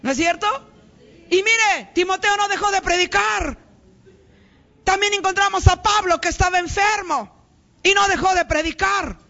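A woman preaching a fervent sermon, calling out to her congregation and rising to shouts. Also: very high-pitched, dull audio.

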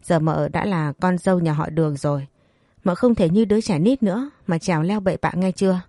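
A woman's voice: lowish voice, a little fast, warm tone, no room sound, studio quality. A woman voicing a strict older matriarch who lectures in a stern way.

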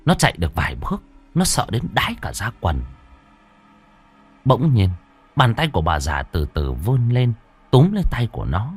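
A man tells a ghost story in a low, husky voice. His delivery swoops dramatically up and down, and soft music plays under the narration. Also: huge pitch swings, normal speed, long pauses.

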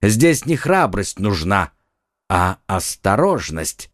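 A man voicing a quick-witted young swordsman in an audiobook, urgent and commanding. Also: fairly low pitch, sing-song, dry recording, studio quality.

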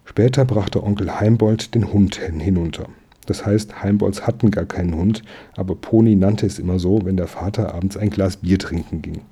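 A man reading a children's book aloud, relaxed and homely, adding a casual aside at the end. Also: deep voice, slightly rough. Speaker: reader.

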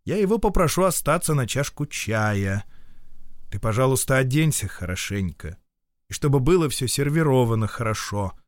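A man's voice: medium pitch, very animated, moderate pace, dry recording, clean studio sound, close to an everyday voice. A man playing an irritable, domineering official husband who lectures in a peevish, insistent way. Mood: peevish, lecturing.

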